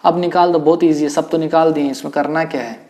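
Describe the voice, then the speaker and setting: Playful, animated male teacher. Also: fairly high pitch, fast. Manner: animated, playful, exclaims and repeats himself. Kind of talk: recorded lecture.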